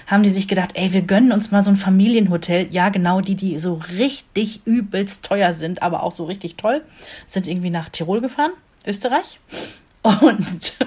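A woman chatting casually in German, telling lively anecdotes and laughing often. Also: fairly low pitch, breathy edge. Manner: animated storyteller, laughs often. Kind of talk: casual chat.

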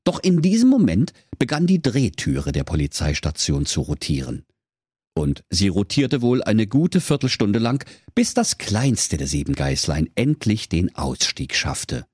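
A man narrates a comic fairy tale with a dry, storybook delivery. His pitch swings widely, and the recording is close and dry. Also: wildly swooping pitch, unhurried, darkish tone, slightly rough, no room sound.

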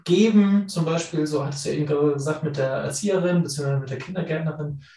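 A man's voice: on the high side, fast, mellow, distant mic. Roomy off-mic male podcast host. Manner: coaching, uses many fillers like "ne" and "halt". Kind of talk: podcast chat and wrap-up.

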